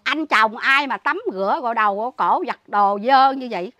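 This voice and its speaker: A woman with a Southern Vietnamese accent, a relative caring for a sick man, rushes through her account in an interview, indignant and restarting often in this emotional telling. Her voice is a little high and a little fast, bright and forceful. The recording is dry and the audio dull.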